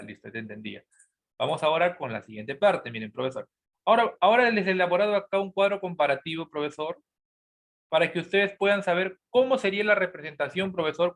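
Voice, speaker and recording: A man teaching English grammar to students. He asks questions, then answers them himself as an imagined student, and his voice trails off softly at the end of those replies. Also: on the high side. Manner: spells out each word and repeats each rule.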